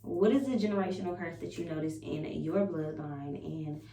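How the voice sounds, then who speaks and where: A woman's voice: on the low side, moderate pace, dark tone. A woman vlogger chatting casually and confessionally to viewers, candid and emphatic, swearing freely and repeating affirmations. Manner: candid, emphatic, profanity-laced, repetitive self-affirming. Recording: roomy echo, distant mic, faint hum.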